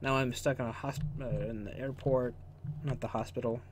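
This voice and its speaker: A man's voice: medium pitch, little pitch movement, fairly quick. A sarcastic, joking man giving casual, sweary commentary as he plays through a game. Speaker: gamer commentating on his playthrough. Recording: faint noise and game sound behind. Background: video game sounds.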